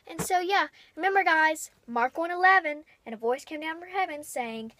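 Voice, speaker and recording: A young woman giving an unplanned devotional talk on her vlog, rambling and halting in an earnest way. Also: very high-pitched, expressive, pushed and bright, dry recording. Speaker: vlogger.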